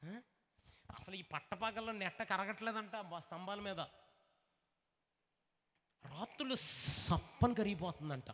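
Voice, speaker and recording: A man preaching a lively revival sermon, calling for responses and acting out short comic dialogues. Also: high-pitched, unhurried, long pauses, big-room sound. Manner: animated, acts out dialogues in put-on voices, calls for responses.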